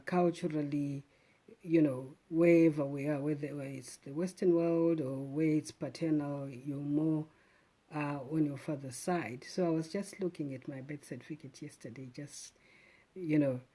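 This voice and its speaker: A middle-aged woman from Zimbabwe, hosting a casual live stream and thinking aloud in an unhurried way, with many "um"s and restarts. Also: sits low, fairly even intonation, dark tone.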